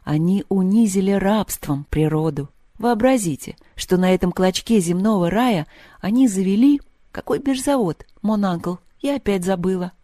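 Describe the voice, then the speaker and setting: Woman audiobook narrator, dark-toned, dry close mic. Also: medium pitch, moderate pace, no room sound. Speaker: audiobook reader. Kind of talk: scripted literary narration.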